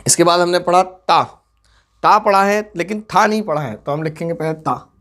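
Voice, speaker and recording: A man's voice: high voice, fairly bright tone. Patient man teaching the Urdu script. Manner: patient, repeats each word slowly while writing. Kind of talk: online script lesson, explaining step by step.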